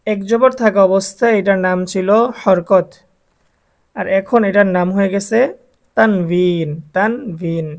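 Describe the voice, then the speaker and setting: A man with a Bangladeshi Bengali accent teaches adult beginners to read the Quran. He speaks at a very slow, deliberate pace, drilling each letter sound with patient repetition. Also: sits high, steady tone.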